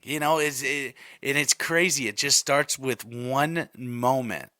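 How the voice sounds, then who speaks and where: A man's voice: mid-range voice, slow pace, bright, forceful tone, no echo, clean studio sound. A man in his thirties hosting a solo podcast, talking casually and rambling with many fillers and repeats. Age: 30s. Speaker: podcast host.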